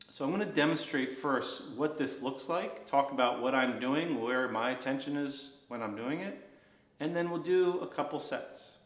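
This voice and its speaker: A man instructing a guided breathing practice in an unhurried, gently reassuring manner. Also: mid-range voice, echoey room.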